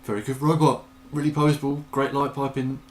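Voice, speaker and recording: A man chatting enthusiastically in a casual show-and-tell vlog, with bursts of excitement. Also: medium pitch, brisk, roomy sound, slight background noise. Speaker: toy collector vlogger.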